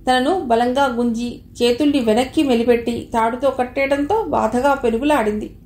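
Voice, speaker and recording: A woman's voice: a little high, fairly even intonation, moderate pace, a little mellow, reverberant. A woman reading a novel aloud as an audiobook narrator, telling the story steadily and voicing the dialogue lightly.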